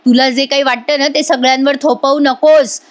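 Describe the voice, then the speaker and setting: A woman's voice: high voice, flat delivery, moderate pace, lightly acted. A woman voicing a defensive younger brother. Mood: accusing. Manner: accusing, defensive. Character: hotheaded younger brother Ashwin, man.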